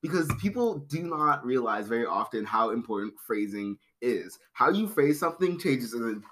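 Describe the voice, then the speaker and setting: A young man co-hosting a podcast, making measured, explanatory points in casual chat. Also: mid-range voice, very animated, fairly bright tone. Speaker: podcast co-host.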